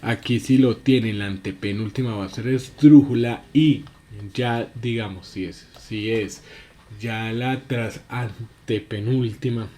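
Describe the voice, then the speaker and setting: A man teaching a spelling lesson, halting, with many fillers and restarts. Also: on the low side, fairly even intonation, darkish tone, slight background noise.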